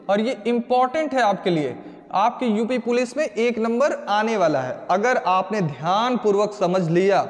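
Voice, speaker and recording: High-voiced male tutor in an echoey room. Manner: emphatic, repeats key points, drills students with questions. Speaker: Hindi grammar teacher. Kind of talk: exam coaching lesson.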